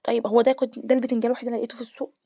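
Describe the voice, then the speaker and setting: A woman's voice: fairly high pitch, little pitch movement, rapid-fire, warm tone, no echo. A woman with an Egyptian Arabic accent hosting a home cooking tutorial, chatty and explaining each step to her viewers. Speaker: cooking channel host. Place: home kitchen.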